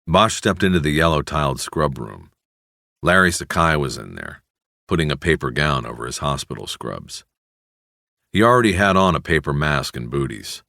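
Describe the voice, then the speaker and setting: A man reading a crime novel aloud as an audiobook narrator in a measured, even way. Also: extremely low pitch, no echo, clean studio sound.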